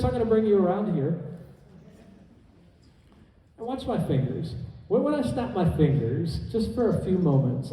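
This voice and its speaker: Male stage hypnotist emcee, soft-edged tone, instructing and repeating himself, heard distantly in a reverberant hall. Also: high-pitched, a little hiss or hum. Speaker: comedy hypnotist and show host. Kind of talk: live stage show emceeing to an audience. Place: indoor conference hall stage. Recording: echoey hall PA, heard from far off.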